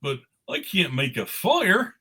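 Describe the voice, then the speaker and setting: A man's voice: sits high, sing-song, slow, bright, forceful tone, husky, full character voice. A man voicing a friendly, naive living snowman with eager, childlike exclamations in a cartoon script reading. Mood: worried, urgent. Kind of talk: cartoon table read.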